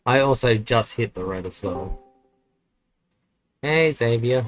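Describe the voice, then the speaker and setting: An easygoing game master talks in a relaxed, chatty way, laughing often and using plenty of fillers. The talk is loose setup chat before a tabletop game. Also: medium pitch, slow, soft background music.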